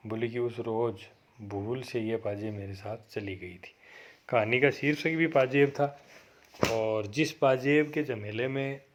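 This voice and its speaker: A man, a college lecturer, reading a story aloud to his class and explaining it, in a steady read-aloud manner with occasional self-corrections. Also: lowish voice.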